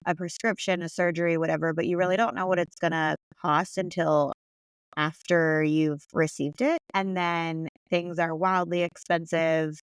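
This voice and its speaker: A woman's voice: on the low side, little pitch movement, moderate pace, clear, resonant tone, no room sound. A woman co-hosting a podcast, explaining things in a casual conversational way. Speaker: podcast co-host.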